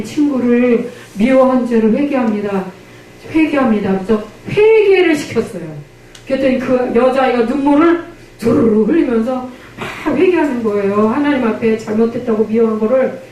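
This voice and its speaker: A woman's voice: on the high side, warm tone. A woman pastor preaching a sermon and telling a testimony, with emphatic questions and frequent amens. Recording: very echoey, from a distance.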